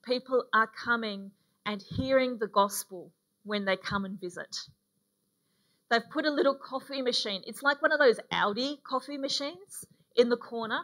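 A middle-aged woman preaching a sermon in a relaxed, conversational way with frequent ums, speaking from a lectern on a church stage. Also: on the high side, moderate pace. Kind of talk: sermon with a mission story. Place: dark church stage, indoors.

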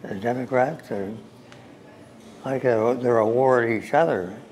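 A very old American man, over a hundred, speaking in a halting, drawn-out way in an interview. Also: mid-range voice, darkish tone, low-quality recording. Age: 101. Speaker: World War Two veteran being interviewed. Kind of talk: interview reminiscence. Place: indoors in a restaurant. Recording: faint background noise, indoor location interview.

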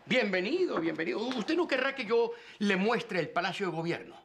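A scoffing sarcastic politician. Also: male voice, sits high, big pitch swings, moderate pace, vocal fry, fairly bright tone, a little hiss or hum, full character voice. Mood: mocking. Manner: mocking, teasing and theatrical. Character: scoffing middle-aged male politician, sarcastic. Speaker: government official in a telenovela. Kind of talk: telenovela acting. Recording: soap opera scene with music behind.

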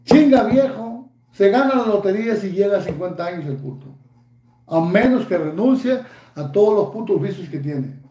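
A man's voice: high voice, warm tone, echoey room. A Mexican man in his fifties ranting angrily in a vlog, taunting and cursing constantly. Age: 50s. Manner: angry, profane, taunting. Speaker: YouTuber.

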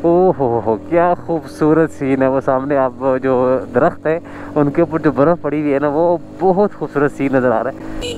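A Pakistani vlogger chats casually as he rides a motorbike along a snowy mountain road outdoors, marveling at the scenery and chuckling often. His voice is on the high side at a normal speed, captured in a muffled recording with a noisy background.

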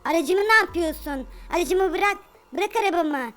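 For a comic game role-play, a woman voices a brash superhero mom with a very high, piercing, fairly bright voice. She slings rough street slang in quick, repeated bursts, sounding pleading and sarcastic, expressive over faint background music.

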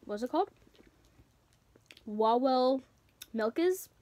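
A young woman joins a casual snack taste test. She speaks softly and hesitantly in a slightly high voice, with dry remarks. Faint background noise runs under her voice. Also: lively intonation, moderate pace. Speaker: co-host.

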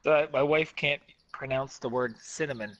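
A man's voice: medium pitch, moderate pace, a bit bright, lo-fi sound. A man with a New York accent tinged with the South, chatting bluntly and swearing freely over a game. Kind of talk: casual gaming chat. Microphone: headset in online party chat.

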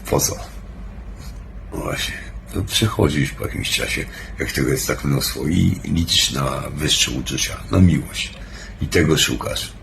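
A man's voice: a bass voice, measured pace, gravelly, fairly bright tone, slight background noise. A man who sounds stoned, rambling sluggishly and casually to his audience with heavy swearing. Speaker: vlogger.

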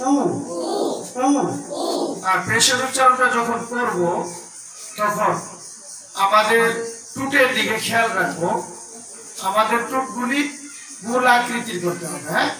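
A man with a Bangladeshi Bengali accent leads a Quran reading lesson, chanting the letter sounds in a sing-song drill. His voice sits very high and moves at an unhurried, deliberate pace. He is recorded from a distance in an echoey room, with loud music underneath. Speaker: Quran teacher.

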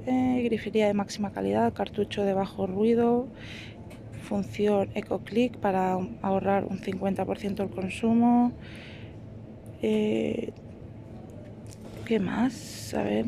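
A woman's voice: medium pitch, creaky, background noise. A woman vlogger chatting casually as she walks through a store aisle, hesitating with fillers while she reads product labels. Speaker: shopping vlogger. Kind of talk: casual shop walkthrough. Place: indoors in a large store aisle. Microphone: phone held while filming.

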